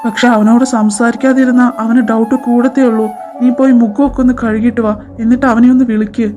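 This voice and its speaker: A woman's voice: fairly high pitch, steady tone, quick pace, mellow. A woman voicing all the characters of a fan audio drama, moving between worried, soothing and brooding voices. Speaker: fan fiction narrator voicing all roles. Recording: muffled lo-fi home dub. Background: background music.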